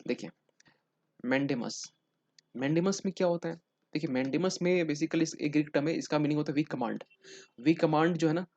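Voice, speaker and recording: A man explaining a lesson to exam students, pausing often with fillers and restarts and checking in with listeners. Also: on the high side, darkish tone. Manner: halting, searches for words with many fillers and restarts. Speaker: civil services exam teacher. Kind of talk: explanatory lecture. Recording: dull lo-fi recording.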